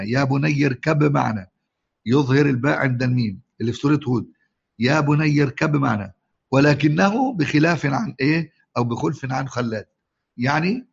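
A man with an Egyptian accent teaches a Quran recitation lesson in a gravelly, husky voice. He talks slowly and patiently, drawing out the quoted words and asking his listeners again and again whether they follow. The recording sounds dull and lo-fi. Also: medium pitch. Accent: Egyptian Arabic. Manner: explains slowly, repeats and drawls quoted words, quizzes listeners. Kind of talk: religious lesson.

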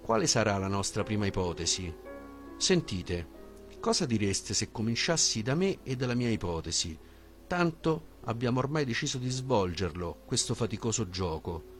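A man voicing an old male philosopher who reasons in a measured, reflective way. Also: fairly low pitch, very animated, soft background music. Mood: reasoning.

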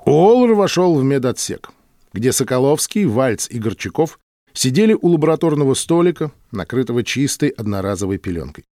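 A male audiobook narrator reading in a measured, expressive way with a lively, varied pitch. His voice sits in the middle range. The recording is dry and close, with no room sound. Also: no room sound. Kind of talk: scripted narration.

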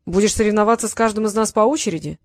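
A huge, ancient father dragon from a storybook growls out his lines, gruff and gloomy, as a woman reads him. The sound is close and dry, with no room around it. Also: mid-range voice, racing, no room sound, lightly acted. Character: grim old male dragon, huge, father.

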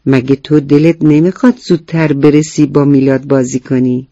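A man's voice: a little high, fairly even intonation, mellow, dry recording, dull audio, natural voice. A man voicing a good-humored father who teases his young son, in a storybook reading. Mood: teasing. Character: playful, indulgent father of a young boy.

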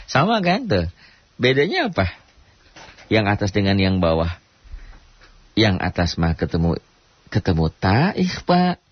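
A man teaching Quran recitation on a radio programme, talking unhurriedly and breaking into slow chanted verses. He asks himself questions and answers them in a casual, colloquial way. The broadcast sound is dull and dry, with no room echo. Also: lowish voice, husky. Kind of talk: radio tajwid lesson. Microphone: studio radio mic.

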